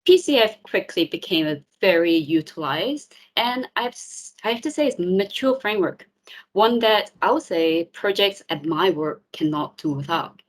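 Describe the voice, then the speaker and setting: A woman's voice: on the low side, animated, normal speed, slight background noise. Upbeat woman presenting at an online meetup. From South Korea, raised in New Zealand. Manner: friendly, upbeat, with filler ums. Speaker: tech community speaker. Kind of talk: presentation talk.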